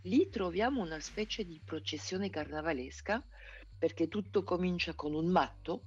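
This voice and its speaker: A man's voice: high voice, animated, normal speed, muffled recording. A native French-speaking man with a French accent, explaining things in an interview in approximate Italian, often searching for words. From France. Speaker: interview guest, tarot expert.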